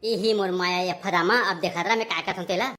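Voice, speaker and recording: A woman with a Chhattisgarhi accent voicing cartoon characters in brisk village banter. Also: fairly low pitch, fairly even intonation, a bit bright. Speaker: cartoon voice artist.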